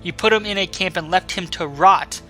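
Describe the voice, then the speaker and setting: An indignant young rebel noblewoman from a video game, read out by a man. The delivery is impassioned and accusing. The tone is sharp and a little high for a man. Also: normal speed, faint music behind. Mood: wounded anger. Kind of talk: dramatic read-aloud of game dialogue.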